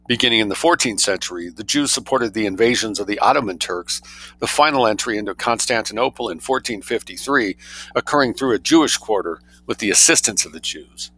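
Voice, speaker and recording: Male reader, lowish pitch, bright forceful tone. Reads academic prose as if dictating, every reference and quote mark spoken. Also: poor audio. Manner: dictating, speaks quote marks, citations and spellings aloud. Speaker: narrator reading a scholarly book aloud. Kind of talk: reading a scholarly text aloud.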